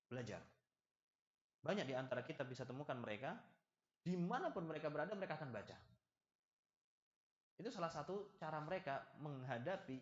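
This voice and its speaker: A man giving a religious study lecture in a lively, joking manner, speaking to a gathered audience. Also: medium pitch. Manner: lively, acts out little dialogues and jokes with the audience. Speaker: preacher giving a study lesson. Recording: echoey, slightly dull hall recording.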